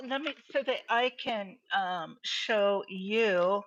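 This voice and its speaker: A woman hosting a casual cooking chat, encouraging her guest with quick replies. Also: mid-range voice, fairly bright tone, lo-fi sound. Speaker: host.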